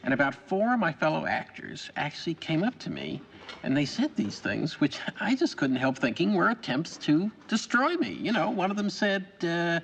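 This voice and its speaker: An actor playing a wry, anxious middle-aged stage actor, telling rambling, self-mocking stories in film dialogue. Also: male voice, on the high side, big pitch swings, moderate pace, vocal fry, a little hiss or hum.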